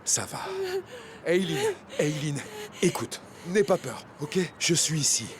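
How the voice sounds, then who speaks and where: An actor voicing a protective young man in a French drama dub, speaking softly and reassuringly. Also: a little high, very animated, normal speed, very noisy. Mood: soothing. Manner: soothing, reassuring, soft. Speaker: dubbed actor in a TV series. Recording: loud dramatic score behind dialogue. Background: music.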